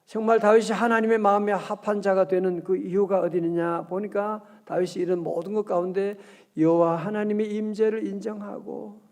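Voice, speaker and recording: A male pastor whose voice sits high preaches at an early-morning prayer gathering. His style is lively and chatty, full of questions for the congregation, with slow, deliberate scripture reading.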